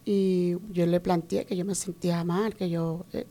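Woman, interviewee, earnest storyteller, dark mellow tone. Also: on the low side, level tone, a little slow. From Venezuela. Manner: earnest, storytelling with many quoted exchanges. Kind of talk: personal testimony.

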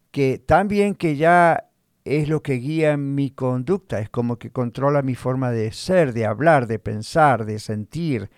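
A male pastor delivers an earnest teaching sermon in a mid-pitched voice. He speaks straight to the listener, repeating key words and reaching for homely everyday examples. The recording is close and dry, with no room sound. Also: darkish tone, dry recording. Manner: earnest, repetitive, addresses listener directly.

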